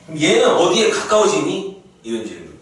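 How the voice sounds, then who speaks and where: A man with a fairly high, brisk voice teaches a math lesson to a class, keeping things lively and often asking students whether they're following. He's recorded from a distance in an echoey classroom, with faint background noise.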